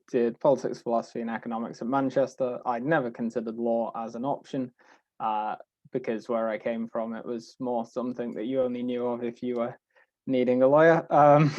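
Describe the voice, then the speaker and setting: A young man with a Liverpool accent, a barrister speaking as a guest on an online panel, relaxed and wry with frequent fillers. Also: medium pitch, no room sound, dull audio. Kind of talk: casual talk on an online panel.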